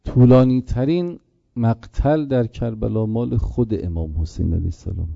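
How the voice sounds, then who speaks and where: A man preaching a religious sermon, impassioned, slowing into a chanting mourning lament, on a dull lo-fi recording. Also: medium pitch, creaky, dark tone, no room sound. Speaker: preacher reciting a mourning elegy.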